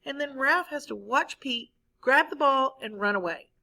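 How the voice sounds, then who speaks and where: A woman's voice: high-pitched, moderate pace, gravelly, background noise. A woman teacher, reading a story aloud to her class and stopping to ask questions. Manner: expressive, asks the class questions.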